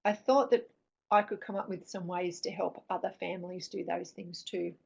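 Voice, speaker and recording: A middle-aged woman giving an informal explanatory presentation in a hesitant, thoughtful way, with frequent pauses and restarts. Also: lowish voice, fairly even intonation, creaky, breathy edge. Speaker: presenter on parents reading with children. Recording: dull, lo-fi sound.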